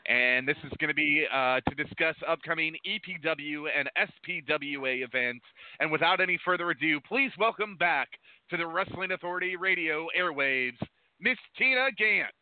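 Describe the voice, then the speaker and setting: A man's voice: on the high side, animated, normal speed. A man hosting a live internet wrestling radio show as its presenter. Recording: dull, muffled lo-fi audio.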